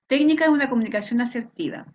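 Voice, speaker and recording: A woman's voice: high voice, fast, dull audio. A woman with a Chilean accent teaching an online class, explaining patiently and checking in with frequent questions. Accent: Chilean Spanish. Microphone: video call.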